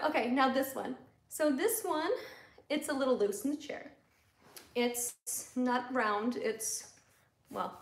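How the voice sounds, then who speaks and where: A woman in her thirties with an Upper Midwest American accent, chatting casually and giggling as she hosts a livestream, recorded in a small salon room on a camera a few feet off. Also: on the high side. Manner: chatty, giggly, slow-paced show-and-tell. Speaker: livestream host. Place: small salon room with barber chairs, indoors. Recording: echoey room with faint noise.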